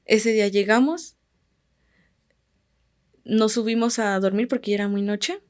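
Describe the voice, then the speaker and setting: A woman with a Mexican Spanish accent telling a story on a podcast. Her voice sits at a middle pitch and stays calm. Her phrases often sink to near a murmur as they finish. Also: measured pace. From Guerrero, Mexico. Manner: calm, often trailing off quietly at phrase ends. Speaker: podcast guest. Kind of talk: casual storytelling.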